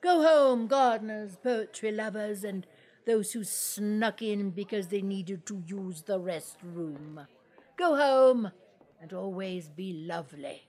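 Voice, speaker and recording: A woman's voice: medium pitch, slow pace, a little mellow. A woman voicing a pompous, grand female poet who recites in a lofty, declamatory way in a comic audio play. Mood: dismissive.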